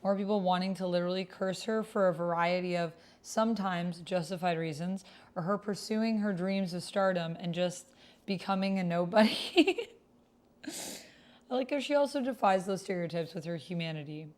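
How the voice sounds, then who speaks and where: This woman speaks at an ordinary pace in a lowish voice. During a casual livestream of a text-based roleplaying game, she thinks out loud as she reads and types, often doubting her own phrasing.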